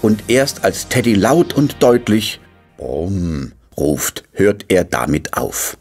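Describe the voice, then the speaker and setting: A man narrating a children's cartoon story in a gentle, coaxing way, speaking to the little hero. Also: lowish voice, very animated, slow pace, soft background music. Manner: gentle, coaxing, talks to the figure.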